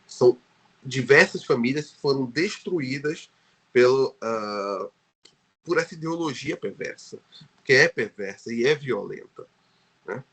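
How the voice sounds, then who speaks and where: With a mid-range, fairly bright voice and a breathy edge, this Brazilian man speaks expressively and a little slowly. He's a guest researcher being interviewed on a podcast, speaking Portuguese with a Brazilian accent. His speech is hesitant, with many fillers and restarts.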